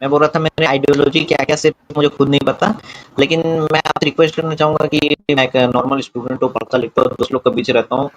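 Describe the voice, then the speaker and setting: A young man, a student calling in, talks haltingly over choppy, glitching call audio from a bad connection. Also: a little high, fairly even intonation, low-quality recording. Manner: hesitant, restarts and checks if he is heard. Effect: choppy, glitching call audio with a dropping connection. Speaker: student calling in to a livestream debate. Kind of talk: casual call-in talk.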